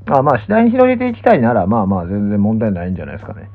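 Phone-like sound, animated Kansai-accented man. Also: on the low side, rapid-fire. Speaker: pro gamer and streamer. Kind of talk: casual livestream chat. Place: small indoor room, lying down. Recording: muffled, thin phone-like audio.

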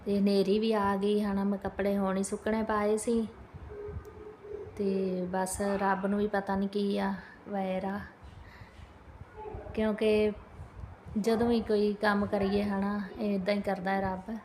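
A woman's voice: mid-range voice, little pitch movement, a little slow, long pauses, darkish tone. A woman in her thirties with a Punjabi accent, narrating a casual home vlog in a chatty, homely way, addressing viewers with polite tags. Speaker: family vlogger, mother. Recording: clear background noise, home ambience.

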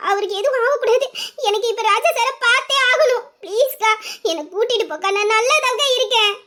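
A woman's voice: very high voice, fairly quick, bright, forceful tone. A woman voicing Ruby, a frantic tearful young woman. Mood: tearful insistence. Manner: pleading, insistent, near tears. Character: young woman, frantic and tearful, desperate to see her love. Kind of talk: Tamil audio drama acting.

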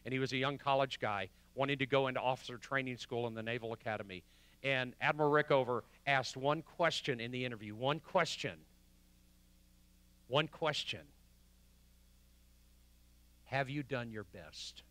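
A pastor preaching to his congregation. His voice is bright and sits at a middle pitch. He swings between loud, driving emphasis and hushed, almost whispered quotations. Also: moderate pace, pauses often, smooth, dry recording. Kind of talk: sermon. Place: church sanctuary.

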